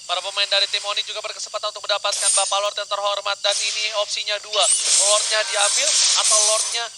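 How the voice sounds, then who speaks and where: Male Indonesian esports caster, excited fighting game announcer delivery, very high voice, loud noise behind him. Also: quick pace. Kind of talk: esports match commentary.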